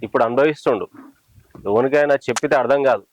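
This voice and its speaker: A man's voice: medium pitch, quick pace. A man playing a teasing friend in a village comedy. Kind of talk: scripted village comedy acting.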